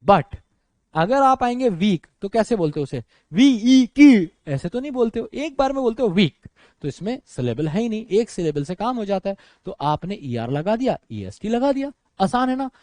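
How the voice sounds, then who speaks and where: A lively Indian English-accented male teacher explaining grammar to exam students, his voice leaping high and low as he talks. His tone is mellow and warm rather than sharp. The sound is dry and close, with no room echo. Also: moderate pace. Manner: animated, addresses students as friends and brother, mixes English into speech. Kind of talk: exam-prep grammar lecture.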